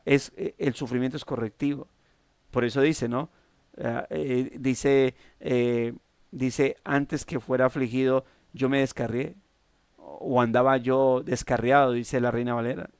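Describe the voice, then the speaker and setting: A man with a Colombian accent preaching a devotional sermon, halting with many restarts and fillers. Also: medium pitch, a little mellow, dry recording. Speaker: pastor.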